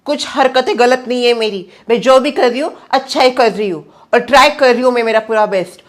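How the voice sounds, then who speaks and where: A man's voice: very high voice, fairly quick, pitched above the performer's own voice. A man playing an earnest, defiant young adult daughter in a comedy sketch, speaking firmly in a lighter put-on voice. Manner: earnest, firm.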